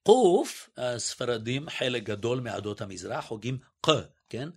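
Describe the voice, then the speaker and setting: Male expert guest, average pitch, methodical and a little hesitant, demonstrates pronunciations aloud. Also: gravelly, slightly rough. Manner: hesitant, self-correcting. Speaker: guest linguist. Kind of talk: explanatory interview talk.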